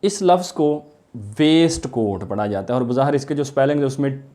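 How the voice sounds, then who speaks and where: A man gives a pronunciation lesson in a mix of Urdu and English. His voice is dark and mellow, and his pitch sits in the middle. He slows right down to spell out each model word. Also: lively intonation. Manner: slow, drawn-out model pronunciations of words. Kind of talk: lecture mixing Urdu and English.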